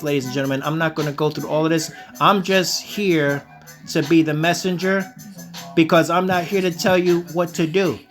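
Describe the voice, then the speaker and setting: A self-assured man in a slightly raised voice lectures viewers through a crypto screen-share, calling them "ladies and gentlemen" and checking in with a steady "okay?". He styles himself a teacher and talks down a little. Faint music plays under him. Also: a little high. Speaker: crypto channel host.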